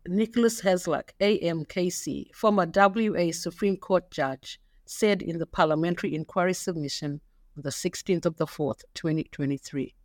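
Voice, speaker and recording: Guy reading an explainer script, kinda high voice, dry close sound. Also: moderate pace, no room sound. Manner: steady reading of quotes and numbered points. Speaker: narrator. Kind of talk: read-aloud explainer narration.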